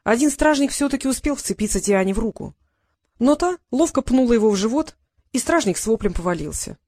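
A woman's voice: on the high side, animated, a little fast, a little mellow, no room sound, studio quality. Woman narrating a fantasy audiobook.

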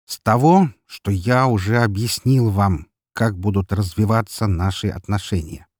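A male audiobook reader voicing a calm, hard-bargaining male businessman who speaks in a measured, firm way, a bit higher than his narration. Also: no echo, studio quality.

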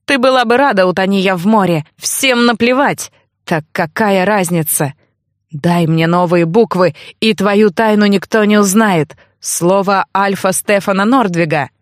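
A woman's voice: mid-range voice, measured pace, no echo, clean studio sound, natural voice. A woman reading an audiobook, voicing an obsessed, feverish young man with urgent, pleading insistence. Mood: bitter. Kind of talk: audiobook character voice.

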